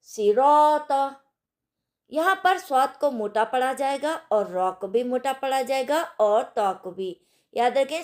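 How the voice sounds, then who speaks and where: A woman teaches an online recitation lesson at a slow, unhurried pace. Her voice sits fairly high, and she repeats syllables patiently, stretching out verses to show how they should sound. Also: a little mellow.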